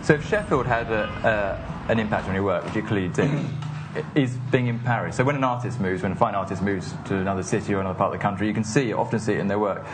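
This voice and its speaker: A man's voice: lowish voice, fast talker. A man from the south of England hosting a live interview, chatty and enthusiastic. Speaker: host. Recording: noisy live venue with crowd.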